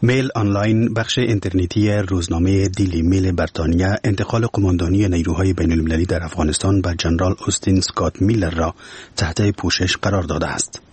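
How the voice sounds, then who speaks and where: A man with an Afghan Dari accent reading a press review in a measured, formal newsreader style. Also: low-pitched, fairly even intonation, a little mellow, slightly rough, no room sound. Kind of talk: scripted news reading. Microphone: studio microphone.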